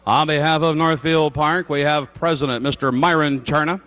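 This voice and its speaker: Guy on the track PA calling results and payouts, formal and projecting, voice a bit on the high side. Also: steady tone, normal speed, fairly bright tone. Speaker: racetrack announcer. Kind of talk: public-address race announcing.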